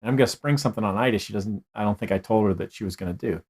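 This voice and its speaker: A man's voice: lowish voice, racing, darkish tone, husky. A middle-aged man co-hosting a casual live online show, rambling with many hesitations and restarts. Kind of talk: casual live-stream chat.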